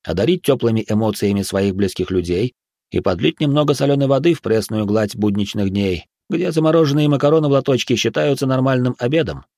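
A man reading an audiobook in an animated, expressive manner. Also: medium pitch, a little fast, no echo, studio quality. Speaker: narrator. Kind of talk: audiobook narration.

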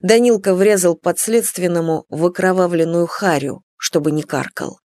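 A woman narrating an audiobook in a measured, dramatic storytelling manner. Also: fairly low pitch, darkish tone, dry recording, clean studio sound.

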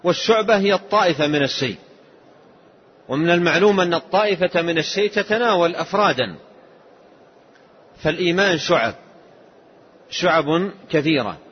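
A man giving a slow, measured religious lesson, explaining a text line by line. His voice is husky. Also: fairly high pitch, expressive. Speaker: Islamic scholar. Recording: dull lo-fi lesson tape.

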